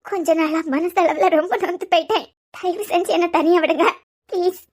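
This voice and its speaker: A heartbroken young wife, played by a woman, in a cartoon. Her voice is very high and quick, but she speaks quietly and pleads to be left alone. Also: steady tone. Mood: hurt. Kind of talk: cartoon voice acting.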